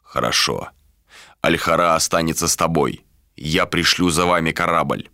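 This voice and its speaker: Guy doing cold commanding ruler voice, low and measured, dry close mic. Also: pushed and bright, smooth, no room sound, heavily acted.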